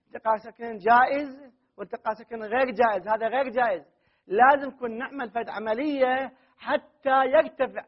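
A man with an Iraqi accent giving a classroom grammar lecture as a seminary teacher, often putting questions to his students and then answering them himself. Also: extremely high pitch. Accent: Iraqi Arabic. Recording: muffled lo-fi recording.

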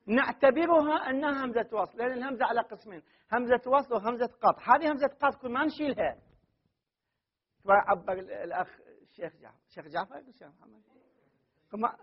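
An Iraqi-accented man lectures on grammar in a very high voice. He keeps asking the class questions and answering them himself, heard through a dull, muffled lo-fi recording. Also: fast talker, long pauses, slightly rough. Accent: Iraqi Arabic. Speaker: religious seminary teacher.

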